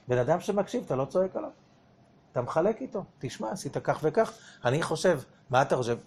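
A man's voice: on the high side, mellow, breathy edge. A man teaching a lesson on the weekly Torah portion, often asking his listeners rhetorical questions as he explains.

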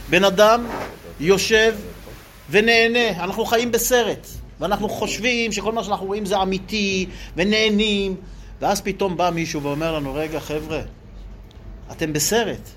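A man giving an animated Torah lecture, asking rhetorical questions and acting out quoted voices for his listeners. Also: high voice, a little hiss or hum. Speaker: religious teacher.

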